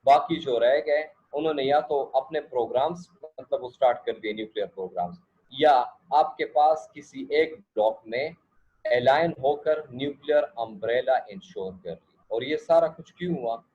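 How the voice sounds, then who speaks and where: A man's voice: medium pitch, moderate pace, darkish tone, breathy edge. A male lecturer, teaching a class and often checking that students follow, with English asides. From Pakistan. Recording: dull lo-fi recording.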